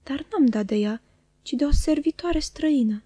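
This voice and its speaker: A woman reading a novel aloud in calm, even storytelling narration. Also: high-pitched, no room sound. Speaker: audiobook reader.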